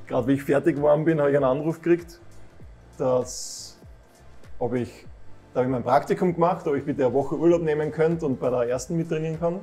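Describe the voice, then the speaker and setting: An Austrian professional footballer in his thirties, appearing as a guest, answers interview questions in an indoor club café lined with shelves. He speaks Austrian-accented German at a middle pitch, calm, modest and plain-spoken, keeping his sentences simple.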